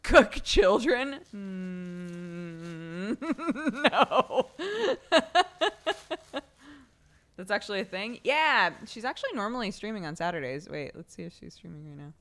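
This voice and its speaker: A woman's voice: mid-range voice, very animated, slow, long pauses, fairly bright tone. A woman streamer chatting casually and reading a storybook aloud, giggly and offhand, swearing now and then.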